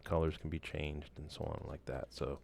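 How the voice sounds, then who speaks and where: Deep-voiced man giving a relaxed screen tutorial. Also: normal speed, creaky. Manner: relaxed, loose, many fillers and restarts. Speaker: instructor. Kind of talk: casual screen-share tutorial.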